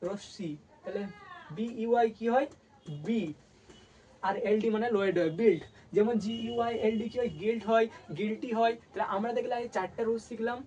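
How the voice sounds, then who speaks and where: A man's voice: extremely high pitch, fairly even intonation, brisk, dark tone, distant mic, lo-fi sound, slight background noise. A man from West Bengal teaching a language lesson. He asks questions and answers them himself, and repeats each word he teaches. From West Bengal, India. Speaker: English teacher.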